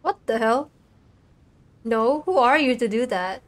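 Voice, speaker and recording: A woman's voice: fairly high pitch, expressive, unhurried. A woman streamer giving casual, joking reaction commentary over a video game. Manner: joking, playful, often laughing.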